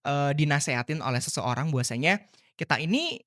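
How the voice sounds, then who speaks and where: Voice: medium pitch, animated, brisk, a bit bright, no room sound. Chatty young guest, dry close sound. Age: young adult. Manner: chatty, many fillers like "gitu" and "kayak". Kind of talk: casual podcast chat.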